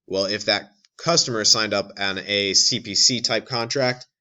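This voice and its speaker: A man's voice: lowish voice, normal speed, pushed and bright. A man teaching a recorded class, explaining step by step with frequent restarts and fillers. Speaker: instructor. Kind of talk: recorded lecture.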